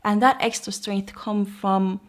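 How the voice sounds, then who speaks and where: Unhurried and fairly even in intonation, a young Danish convert tells her story in a mid-range voice with a Danish accent. Her manner is reflective and earnest.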